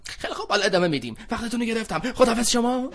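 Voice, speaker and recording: An actor voicing a vain, self-absorbed young emperor turned into a llama, whiny and sarcastic, in an animated film dub. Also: male voice, extremely high pitch, full character voice. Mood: smug. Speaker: dubbing actor. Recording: film dub with music behind.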